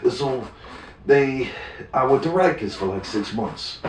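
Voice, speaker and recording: A man telling a story in a casual, rambling, profane way, full of halting restarts. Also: medium pitch, expressive, darkish tone, far from the mic, a little hiss or hum. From New York City. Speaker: storyteller guest. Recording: roomy sound, voice away from the mic.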